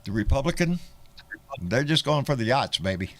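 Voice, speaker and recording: A man's voice: mid-range voice, sing-song, normal speed, a bit bright. A man with a Texan country twang hosting a live political chat show, folksy and profane, often restarting his sentences. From Texas. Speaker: host.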